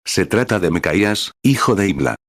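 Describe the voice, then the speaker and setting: Low-voiced man reading a sermon aloud. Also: expressive, moderate pace, a bit bright, dry recording, clean studio sound. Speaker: reader of a translated sermon.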